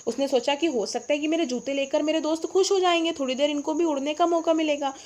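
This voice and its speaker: A woman's voice: sits high, steady tone, fast, darkish tone. A woman teacher explaining a story lesson to children, often asking the class questions and answering them herself. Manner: asks the class rhetorical questions.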